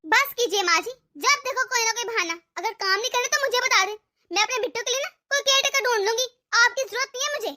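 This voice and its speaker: Bossy young cartoon daughter-in-law, sharp and impatient, piercing high voice. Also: female voice, quick pace, heavily acted. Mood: scolding. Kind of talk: cartoon dub voice acting.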